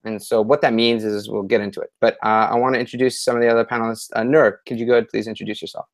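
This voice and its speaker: A man's voice: fairly low pitch, level tone, rapid-fire. A young man in his twenties hosting an online panel discussion, speaking with many fillers and restarts.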